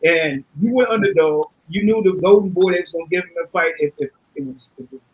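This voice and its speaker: A man's voice: high-pitched, quick pace, slight background noise, low-quality recording. A man hosting a casual boxing panel chat, talking informally and repeating phrases for emphasis. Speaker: host.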